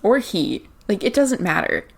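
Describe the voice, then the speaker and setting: A woman co-hosting a podcast in casual chat, animated and quick to laugh. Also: medium pitch, vocal fry, husky. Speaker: podcast co-host.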